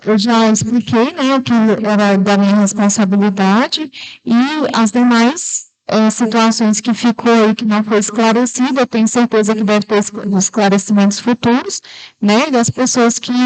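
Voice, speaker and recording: A woman's voice: on the high side, rough recording. A woman with a Minas Gerais Brazilian accent, a municipal secretary answering a council hesitantly and repeating words. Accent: Brazilian Portuguese, Minas Gerais. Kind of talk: formal council testimony.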